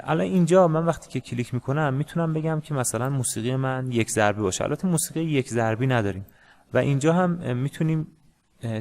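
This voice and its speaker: A man teaching a music lesson in a casual, hesitant way, with many pauses and fillers. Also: medium pitch, a little mellow. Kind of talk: casual screen-share lesson.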